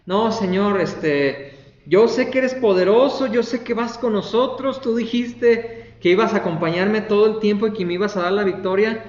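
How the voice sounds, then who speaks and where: A man's voice: high-pitched, reverberant, highs cut off, lightly acted. A man voicing a doubting biblical man who pleads and bargains with God. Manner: pleading, stubborn and whiny.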